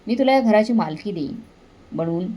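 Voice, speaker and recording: A woman's voice: mid-range voice, lively intonation, normal speed, dark tone, lightly acted. A woman voicing a kind, determined young man who speaks earnestly and reassuringly.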